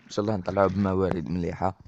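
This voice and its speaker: A gaming YouTuber rattles off rapid-fire let's-play chatter in a low voice, his Algerian Arabic accent clear as he speaks directly to viewers as brothers. Steady noise runs under the dull, lo-fi mic.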